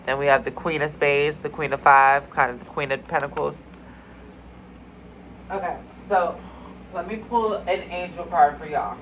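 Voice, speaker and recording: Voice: medium pitch, steady tone, normal speed, a bit bright, slight background noise, poor audio. A spiritual card reader in a casual, rambling video, talking mystically to viewers as y'all and sounding a bit congested. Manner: chatty, addresses viewers as y'all.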